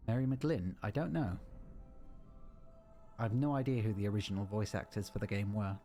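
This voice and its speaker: A man's voice: fairly low pitch, moderate pace, warm tone. A man streaming a game, giving casual, chatty commentary with rambling asides. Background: game music.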